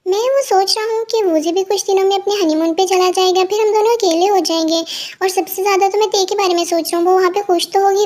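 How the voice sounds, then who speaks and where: A woman reading a storybook voices a worried, affectionate married man. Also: very high voice. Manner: worried, then doting.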